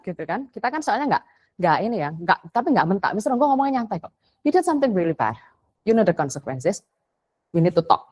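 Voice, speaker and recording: On the low side and a little mellow, a woman's voice delivers a chatty parenting talk. As an educator in this area, she mixes in English phrases and acts out quotes.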